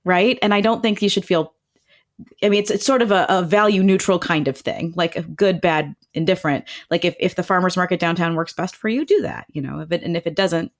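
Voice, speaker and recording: A woman chats away on a podcast, her voice sitting on the low side. She is enthusiastic and casual and scatters "like" through her sentences. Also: brisk. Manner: chatty and enthusiastic, many "like"s. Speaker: podcast co-host. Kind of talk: casual chat.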